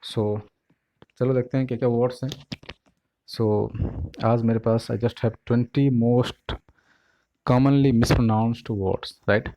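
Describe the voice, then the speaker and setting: A man with an Indian accent teaching English pronunciation in a casual classroom style, mixing Hindi and English, asking "ठीक है?" and sounding words out slowly by syllable. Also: mid-range voice, steady tone, warm tone, no room sound, low-quality recording.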